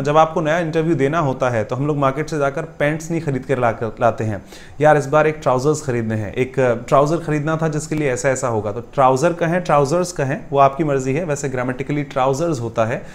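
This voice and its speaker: A man with an Indian English accent teaching English grammar in Hindi. He reads example sentences slowly, repeats them, and answers his own questions in a chatty way. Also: mid-range voice. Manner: asks and answers himself conversationally.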